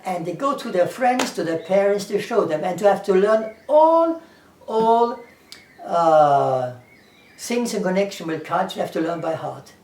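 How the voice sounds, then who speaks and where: A high-pitched but darkish-toned voice, very animated and a little slow, belongs to a German-accented English teacher speaking casually to camera. He is earnest, repetitive, lists his ideas one by one and quotes scripture, with a little hiss or hum, an echoey room and the mic far off.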